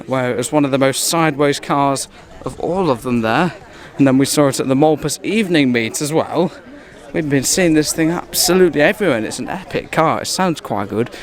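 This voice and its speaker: An English man strolls through an outdoor car show, chatting enthusiastically about the cars he passes. His talk is casual and a little rambling, with a mid-range voice. The sound comes from a handheld camera mic in the open air. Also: medium pitch. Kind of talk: casual walkaround commentary.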